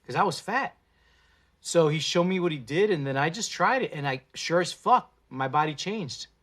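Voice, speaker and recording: Man, fairly high voice, casual livestream host, slangy, swears a lot, lively, phone mic. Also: moderate pace. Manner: profane, slangy and animated.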